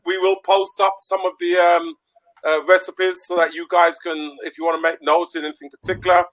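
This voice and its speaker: A man's voice: high-pitched, flat delivery, a little fast, a bit bright, soft background music, rough recording. A man from the Caribbean hosting an online show in a chatty, rambling way, laughing often, speaking over a video call. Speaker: podcast host. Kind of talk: casual online show chat.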